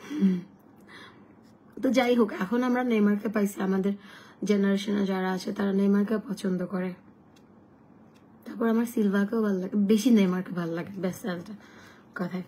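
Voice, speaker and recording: A hoarse woman chatting casually with viewers on a live stream and pitching offers from her shop. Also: fairly even intonation, normal speed, pauses often, warm tone. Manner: chatty, addresses viewers directly, switches to sales pitch.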